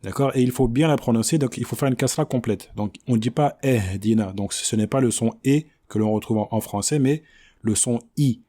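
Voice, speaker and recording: A man giving a tajwid lesson, patiently explaining pronunciation, checking in with "d'accord?" and slowly modeling each word in a drawn-out recitation. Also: mid-range voice, mellow. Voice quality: chants the verse in a slow drawn-out recitation. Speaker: Quran recitation teacher.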